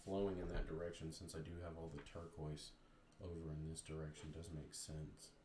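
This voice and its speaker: A man's voice: extremely low pitch, brisk. A man hosting a crafting stream, chatting casually and thinking aloud while he demonstrates resin pouring. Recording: echoey room with steady noise.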